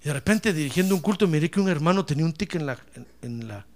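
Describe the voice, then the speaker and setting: A man's voice: a little high, lively intonation, fast. A man preaching a sermon as pastor, calling out praise and addressing listeners as brother. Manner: fiery preaching, shouting praise.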